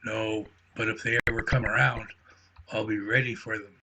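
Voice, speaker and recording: A man's voice: lowish voice, level tone, normal speed, sharp tone, slight background noise, rough recording. A man voicing a practical, matter-of-fact male badger in a bedtime story.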